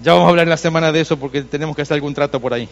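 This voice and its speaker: A man's voice: fairly high pitch, very fast, creaky, big-room sound. A man preaching a sermon as a pastor, telling stories conversationally and pressing his points with repetition. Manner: conversational storytelling, insistent repetition. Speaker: Adventist pastor.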